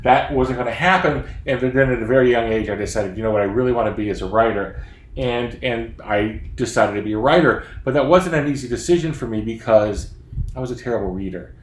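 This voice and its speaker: With a brisk, mid-range voice, a man in his fifties who writes children's books talks to young readers from his Florida home office. He's chatty and self-deprecating, cracking jokes, and the room sounds roomy with a little background noise.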